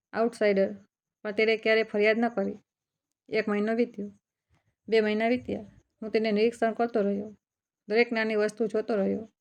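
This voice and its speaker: A woman storyteller reads a family drama aloud in a calm, steady way. Her voice is gravelly with a flat, level melody. She voices the father's story in first person. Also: medium pitch. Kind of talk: scripted narration of a family story.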